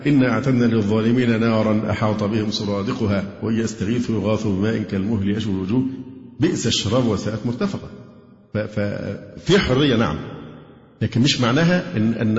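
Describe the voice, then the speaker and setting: Egyptian male lecturer, quick delivery, booming hall, muffled old recording. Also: a little mellow. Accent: Egyptian Arabic. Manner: explanatory, asks rhetorical questions and answers them. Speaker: Islamic lecturer. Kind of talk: religious lecture. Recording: echoey hall, dull lo-fi sound.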